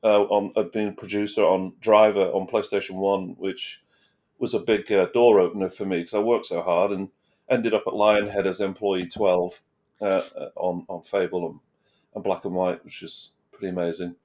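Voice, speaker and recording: A man's voice: sits low, little pitch movement, moderate pace, a little mellow. A middle-aged man with a British accent, chatting casually as a guest in an interview. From United Kingdom. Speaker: interview guest, game developer. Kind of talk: casual chat.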